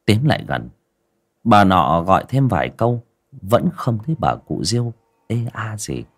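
A man narrating a dramatic audio story in an expressive reading style. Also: lowish voice, moderate pace.

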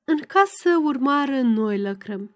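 A woman narrating a novel as an audiobook in a measured, even reading. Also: sits high.

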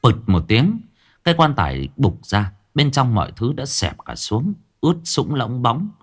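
A man narrating a ghost story in a dramatic, vividly expressive style. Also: medium pitch, normal speed, slightly rough.

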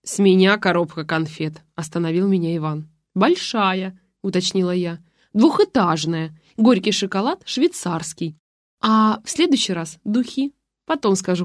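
A woman's voice: fairly low pitch, dry recording, studio quality. A woman reading a first-person detective story aloud, voicing the dialogue of every character. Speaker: audiobook narrator.

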